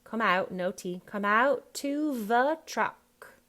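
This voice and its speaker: Woman doing a grinning Cockney crook, dropped H's, slow and loud. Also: high voice, expressive, pitched above the performer's own voice. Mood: broad, jolly. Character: scruffy Cockney henchman, man, dim and jolly.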